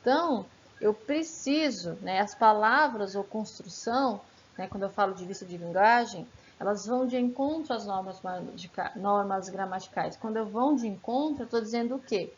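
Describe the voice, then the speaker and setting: A woman teaching a relaxed grammar lesson, dotting her speech with tag questions and rhetorical asks. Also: medium pitch, moderate pace. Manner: conversational, frequent "né" and "tá" tags, asks rhetorical questions. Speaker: Portuguese teacher. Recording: slightly muffled, faint background hiss.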